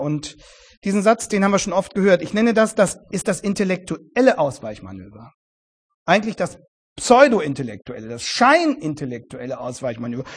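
Earnest high-voiced male preacher. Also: breathy edge. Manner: earnest, emphatic, repeats words for stress, varies loudness. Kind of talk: sermon.

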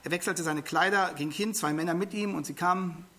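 German-speaking preacher, slightly high voice. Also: male voice, a little fast, bright, forceful tone. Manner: expository Bible teaching, addresses listeners directly; repeats words when emphasizing. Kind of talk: sermon.

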